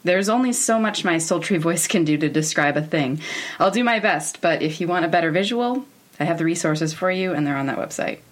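A woman's voice: lowish voice, lively intonation, a little fast. An American woman in her thirties, from Oregon, narrating an educational show in an informal, wry, candid way. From Oregon, United States. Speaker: podcast host. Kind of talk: semi-scripted educational narration about space history.

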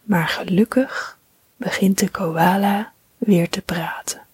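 Slow, whispering woman telling a bedtime story. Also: mid-range voice, slightly rough, dry recording. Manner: slow, soothing, calm.

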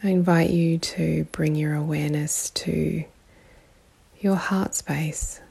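A woman guiding a meditation in a calm, soothing way, with long pauses and a soft, breathy, partly whispery voice. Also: deep voice. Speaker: meditation guide. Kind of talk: guided meditation.

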